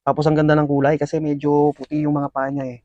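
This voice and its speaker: Feeding his scorpions on camera, a video host talks to his audience in a casual, excited play-by-play full of filler words. He's a fast talker with a slightly high voice; the audio has no room sound and the highs are cut off.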